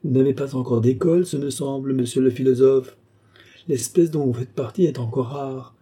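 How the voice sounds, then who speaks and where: Man doing a teasing, condescending court lady for an audiobook, raised dark husky voice. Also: medium pitch, normal speed, natural voice. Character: mocking young court woman, teasing and commanding. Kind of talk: audiobook character reading.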